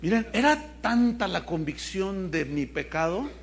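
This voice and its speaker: High-voiced pastor preaching. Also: male voice, measured pace, slight background noise. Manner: animated storytelling with acted quotes, addresses the congregation. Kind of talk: sermon. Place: church congregation.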